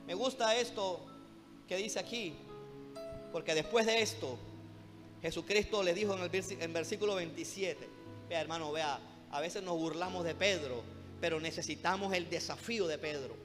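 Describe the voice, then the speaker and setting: Fervent male preacher, rather high voice, long church reverb, background music. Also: normal speed. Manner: fervent, keeps calling listeners "brother", rhetorical questions. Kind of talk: sermon. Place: church hall.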